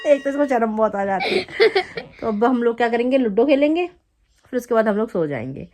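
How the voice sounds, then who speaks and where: A young woman vlogger casually telling a story to the camera, chatty and animated, acting out the quotes as she goes. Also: on the high side, moderate pace, very noisy. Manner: chatty, animated retelling with acted-out quotes and laughter. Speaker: family vlogger.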